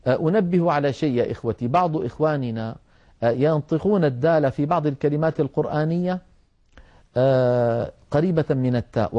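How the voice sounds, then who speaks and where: Man, middle-aged, recitation teacher, mellow dark voice, deliberate, demonstrates letter sounds. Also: medium pitch, dull audio. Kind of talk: televised tajweed lesson.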